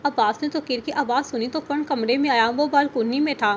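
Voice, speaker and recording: A woman narrating an audio novel in a steady storytelling manner. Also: high voice, a little fast, slight background noise.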